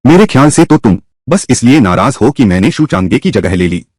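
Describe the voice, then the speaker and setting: A man's voice: medium pitch, very animated, a little fast, a little mellow, dry recording. A man voicing a resentful, rebellious young man in a dubbed drama, complaining and defiant.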